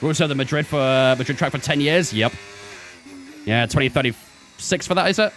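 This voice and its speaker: Streaming a racing game, a man in his 20s keeps up casual, talkative commentary and addresses his chat. He sounds mid-range, fairly quick, and a bit bright.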